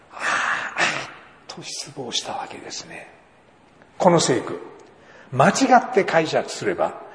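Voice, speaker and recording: A man preaching a sermon as an animated storyteller who acts out the dialogue of his anecdotes, in a church hall. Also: on the high side. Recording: roomy hall reverb, faint ambience.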